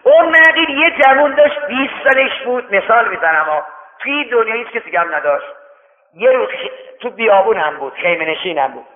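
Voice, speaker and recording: A male preacher tells sermon stories with dramatic repetition. His voice sits high. The sound is thin and phone-like, carried by a long reverberant hall. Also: animated. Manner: dramatic retelling with repeated lines. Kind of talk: sermon storytelling. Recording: tinny echoey hall recording.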